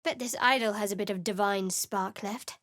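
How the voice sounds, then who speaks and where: A woman's voice: mid-range voice, fairly even intonation, normal speed, fairly bright tone, no echo, natural voice. An actress playing a guarded young woman cleric in a video game, speaking in a dry, cutting, sardonic way. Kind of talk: video game character dialogue. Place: studio voice booth.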